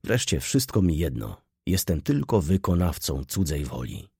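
A stern, brooding middle-aged merchant, terse and commanding, in a very low, dark and husky voice, as a male narrator reads him. His lines come quietly, even lower than the narration. The sound is close and dry. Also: moderate pace, no echo, heavily acted. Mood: grave, stern.

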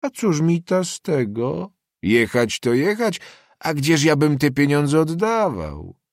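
A man playing a gruff, stubborn old peasant carter who speaks in a slow, sceptical drawl, in an audiobook reading. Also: fairly low pitch, big pitch swings, dry recording, studio quality, heavily acted.

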